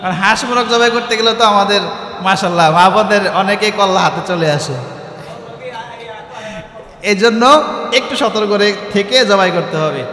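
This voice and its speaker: A man's voice: high voice, moderate pace, pauses often, bright, forceful tone, echoey room, big-room sound. A man preaching a sermon who keeps asking his listeners questions and answering them himself, and chants Arabic supplications.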